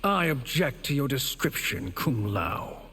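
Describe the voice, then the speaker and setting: Shang Tsung, a slow sneering sorcerer. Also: male voice, medium pitch, very animated, pushed and bright. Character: scheming cruel male sorcerer, cold and mocking. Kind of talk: video game character voice acting.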